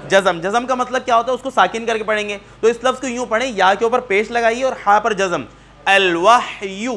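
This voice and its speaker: A man's voice: extremely high pitch, a bit bright. A man teaching a Quran vocabulary class, patiently drilling students word by word and correcting their pronunciation. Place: neighbourhood class room.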